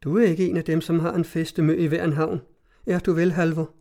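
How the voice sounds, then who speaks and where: A man voicing a distraught, confused young woman in an audiobook, speaking in a soft, pleading, anxious way. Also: fairly high pitch, little pitch movement, gravelly. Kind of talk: audiobook reading.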